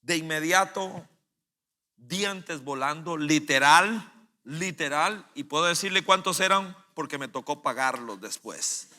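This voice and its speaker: A male pastor, preaching a sermon as vivid storytelling that swings from loud bursts to hushed low phrases. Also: lively intonation, a little slow. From Costa Rica.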